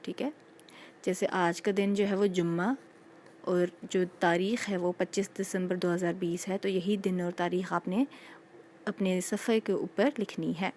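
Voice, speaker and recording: Woman teacher, patient, repeats letter sounds slowly, lesson for small kids. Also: on the low side, little pitch movement, darkish tone, a little hiss or hum. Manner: patient, repeats sounds slowly, often says "theek hai". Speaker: school teacher. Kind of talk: recorded Urdu phonics lesson for young children.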